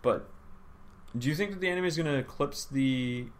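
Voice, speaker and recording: A man's voice: mid-range voice, normal speed. A man co-hosting a podcast in casual chat, tired and yawning, rambling and restarting his sentences as he speculates. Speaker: podcast co-host.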